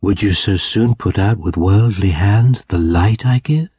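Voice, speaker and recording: A man playing a gentle yet commanding ancient spirit in an audiobook, soft and solemn. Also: breathy edge, no echo, clean studio sound. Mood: stern. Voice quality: soft, low. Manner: solemn, measured.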